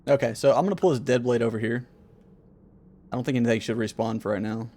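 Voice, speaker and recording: A man's voice: mid-range voice, fairly even intonation, fast, dark tone. Man leading a game group. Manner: gives plain directions to the group. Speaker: game developer leading a play session. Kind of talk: casual gameplay chat.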